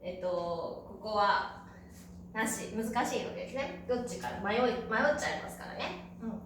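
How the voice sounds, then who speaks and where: A woman's voice: medium pitch, normal speed, a little hiss or hum. A woman teaching a beginner Japanese lesson, patiently spelling out each syllable and affirming with small "un" sounds. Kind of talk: slow, clear classroom lesson. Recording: very echoey room.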